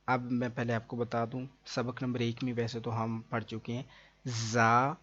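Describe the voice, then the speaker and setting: A male teacher with a Pakistani Urdu accent leads a Quran reading lesson. His voice sits at a medium pitch, and he stretches each letter sound out slowly before explaining in a brisker, talking tone. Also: monotone, a bit bright, dull audio. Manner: slow, drawn-out demonstration of letter sounds, then quicker explanation.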